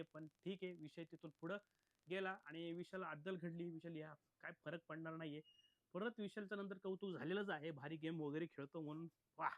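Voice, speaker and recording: A man's voice: a little high, no room sound. A man giving a casual, opinionated recap of a reality show episode, talking bluntly and calling his viewers friends.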